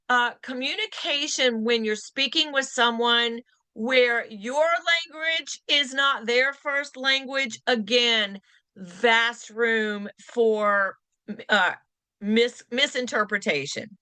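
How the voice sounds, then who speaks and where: A woman with a high, animated voice leads a real estate training session. Her tone is bright and crisp, and she dips and slows to stress key points. The recording is dry and close with little room sound. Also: no echo. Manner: lively, acts out quoted lines in varied voices. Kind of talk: continuing education class talk.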